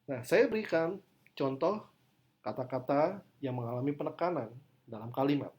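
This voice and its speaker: A man's voice: medium pitch, lively intonation, moderate pace, darkish tone. A man lecturing on English pronunciation, explaining in his own language and speaking example sentences with exaggerated stress.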